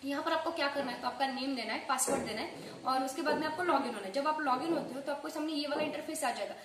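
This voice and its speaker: High-voiced fast-talking woman tutorial host. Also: a loud crowd. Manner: fast-talking, mixing English phrases into her speech. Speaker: online earning tutorial host. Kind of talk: casual tutorial talk to viewers. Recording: echoey room with faint background noise.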